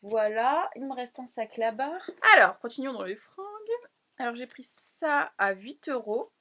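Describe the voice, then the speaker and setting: A woman's voice: on the high side, moderate pace. Chatty young Frenchwoman showing off a clothing haul. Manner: chatty, excitable, laughs often, drops into asides. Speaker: fashion vlogger. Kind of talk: casual haul vlog chat.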